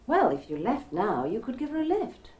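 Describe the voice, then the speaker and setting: A woman's voice: fairly high pitch, wildly swooping pitch, normal speed, a little mellow, roomy sound, slight background noise. A genteel, fussing mother. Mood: encouraging. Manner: genteel, fussing, sing-song. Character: genteel, fussing middle-class mother and wife. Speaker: wife and mother. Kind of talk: 1980s British TV soap acting.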